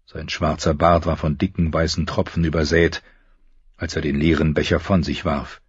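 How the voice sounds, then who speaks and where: A man narrating an audiobook in a measured, dramatic reading style. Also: a bass voice, level tone, husky, dry recording, highs cut off. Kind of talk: scripted narration.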